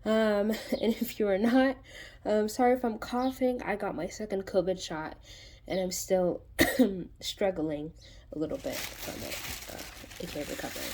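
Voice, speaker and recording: A woman's voice: mid-range voice, unhurried, a little mellow, slight background noise. A woman hosting her own channel, giving a casual spoken tarot reading in a rambling way, full of fillers and restarts. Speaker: tarot reader and channel host.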